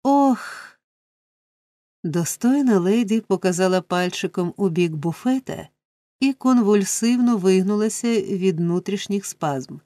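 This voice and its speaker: A woman narrating a classic novel as an audiobook, in a measured, even manner, recorded on a close microphone. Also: lowish voice, no echo. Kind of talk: scripted storybook narration.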